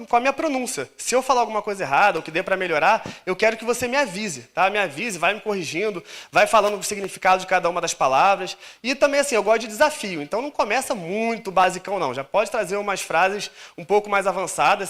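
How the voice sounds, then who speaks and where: Fast, bright-voiced Brazilian man lecturing. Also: high voice, expressive. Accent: Brazilian Portuguese. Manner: casual and joking, slangy. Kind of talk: live conference talk. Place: lecture stage with audience.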